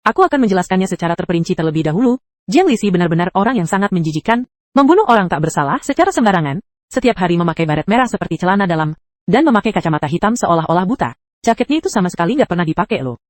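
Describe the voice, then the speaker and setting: A woman's voice: lowish voice, a little mellow, no echo. A synthetic text-to-speech female voice narrating an anime recap, reading every character's lines in the same voice.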